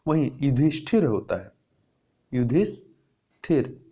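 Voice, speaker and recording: A man teaching exam prep, with a mellow, warm voice set a little high. He works through each question step by step, posing a question to the class and then answering it himself. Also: animated, moderate pace, highs cut off. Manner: explains step by step, repeats answers, asks and answers his own questions. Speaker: Hindi teacher.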